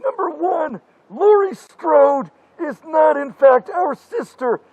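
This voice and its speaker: A man voicing a weary, older masked slasher who rants in frantic, crude, yelling bursts in a comedy parody sketch. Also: very high voice, lively intonation, takes it slowly, no echo, highs cut off, heavily acted. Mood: exasperated.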